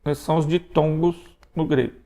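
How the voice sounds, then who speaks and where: A man from Brazil teaching Greek pronunciation in a recorded lecture, explaining step by step and checking in with quick tag questions. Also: fairly high pitch, steady tone, mellow.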